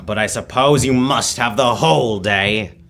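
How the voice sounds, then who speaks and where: A man's voice: medium pitch, measured pace, gravelly, a bit bright. A young man acting a grumpy, fearful old miserly businessman in an old-time radio drama. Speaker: student actor.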